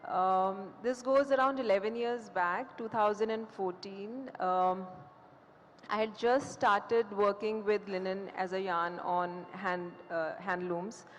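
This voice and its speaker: Woman designer, halting panel speaker, reverberant hall, light ambience. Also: mid-range voice, steady tone, a little hiss or hum. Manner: hesitant, many fillers. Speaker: fashion designer. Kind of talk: panel talk. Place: conference hall stage.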